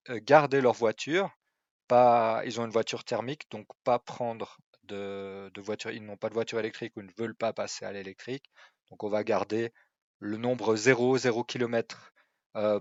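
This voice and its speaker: A man's voice: fairly low pitch, dry recording, dull audio. A man, walking through an online tool in a hesitant way, with many fillers and restarts. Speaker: website presenter. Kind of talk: screen-recorded tool walkthrough.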